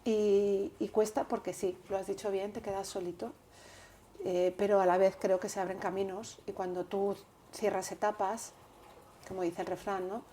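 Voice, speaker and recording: A woman guest in an interview, talking earnestly and in a measured way, often repeating words while she thinks. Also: medium pitch, little pitch movement, dark tone, slight background noise. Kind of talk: reflective interview talk.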